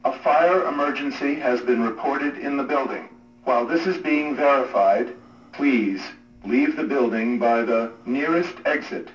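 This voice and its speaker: A man giving a calm, measured prerecorded emergency announcement over a public address loudspeaker. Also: mid-range voice, soft background music. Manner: calm, measured, even delivery. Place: hotel corridor. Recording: echoey, muffled loudspeaker from far off.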